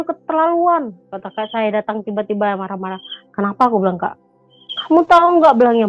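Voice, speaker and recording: A woman's voice: medium pitch, no echo. Woman, testimony storyteller who acts out quoted dialogue, hesitant, dry lo-fi recording. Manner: retells events by acting out quoted dialogue, with frequent hesitations. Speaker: convert giving a religious testimony. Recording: dull lo-fi, dry sound, faint music behind.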